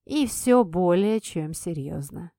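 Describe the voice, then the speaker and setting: A woman reading an audiobook and voicing a wry, teasing grown man, a police officer, with a lowered, quieter and drawn-out delivery. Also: lively intonation, dry recording, clean studio sound. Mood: dry, teasing.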